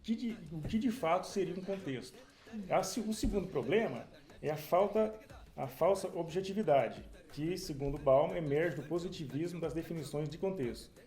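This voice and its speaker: A man discussing a theory text in a seminar, halting and repeating words as he reads from it. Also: fairly high pitch, dark tone, roomy sound. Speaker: seminar participant. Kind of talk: academic discussion.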